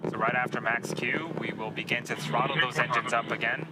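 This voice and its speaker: A man's voice: steady tone, brisk. A man giving technical live launch commentary in long, explanatory sentences. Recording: loud rumbling background noise.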